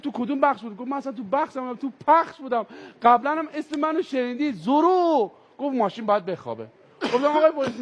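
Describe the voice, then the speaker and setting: Male stand-up comic, very high pitch, animated storyteller who acts out characters. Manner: animated, switches into character voices. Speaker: stand-up comedian. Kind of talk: stand-up storytelling with acted voices. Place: stage before a live audience.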